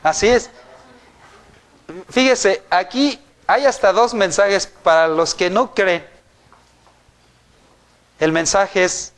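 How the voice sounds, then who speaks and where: A man with a Mexican Spanish accent preaching a sermon in a church, speaking conversationally and often checking in with rhetorical questions. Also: a little high. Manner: conversational, asks the congregation frequent rhetorical questions.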